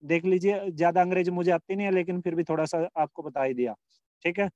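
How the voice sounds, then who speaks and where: A man's voice: high voice, fairly even intonation, quick pace, darkish tone, no room sound, lo-fi sound. Man, school grammar lesson, repetitive question-and-answer teaching, raised voice, close dry sound. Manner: asks questions and answers them himself; repeats phrases, restarts often.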